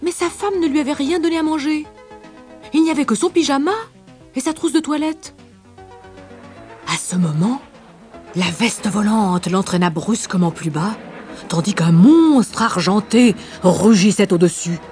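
Expressive woman narrating a children's story. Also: on the high side, a little slow, pauses often, soft background music. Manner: gentle, expressive read-aloud.

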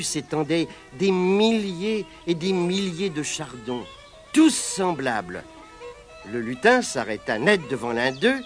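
A woman narrating a children's story with expressive, animated reading. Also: sits low. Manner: slow, animated read-aloud with big swings in tone.

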